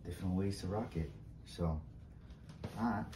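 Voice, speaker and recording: A man's voice: low voice, moderate pace, mellow, a little hiss or hum. Chatty young man in an echoey room. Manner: chatty, slangy, repeats himself, pleads for likes. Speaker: vlogger. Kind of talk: casual unboxing vlog. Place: small bright indoor room. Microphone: fixed camera a few steps away. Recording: roomy, distant camera sound.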